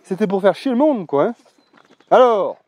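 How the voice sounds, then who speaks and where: This vlogger, a man touring his land outdoors, has a high-pitched yet mellow voice and talks fast and animatedly. The chat is salty and loose, full of fillers and some cursing, captured through a foam-windscreened mic.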